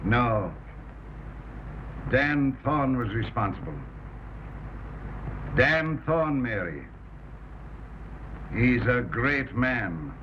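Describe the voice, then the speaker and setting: An actor playing an older railroad man and father, speaking slowly and deliberately, in an early talkie film soundtrack. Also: mid-range voice, animated. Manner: slow, deliberate, emphatic. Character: slow-spoken old railroad father, admiring. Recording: muffled hissy 1930 film soundtrack.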